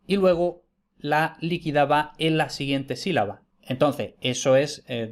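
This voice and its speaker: Man, lecturing, repeats points, fairly high-pitched. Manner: explanatory, repeats points, checks with "¿vale?". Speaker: teacher of historical grammar. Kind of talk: informal online lecture.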